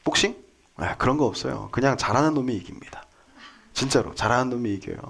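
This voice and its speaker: A man in his thirties preaching a sermon, telling a story in a relaxed, joking way and asking the congregation questions. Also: medium pitch, quick pace, vocal fry. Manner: conversational, jokey, asks the congregation questions.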